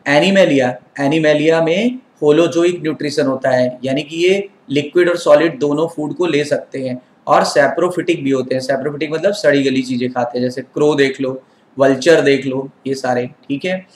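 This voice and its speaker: A man's voice: fairly high pitch, moderate pace, roomy sound, slight background noise. Indian man teaching with many questions. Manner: asks students questions and answers them himself. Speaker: biology teacher. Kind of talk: classroom lecture.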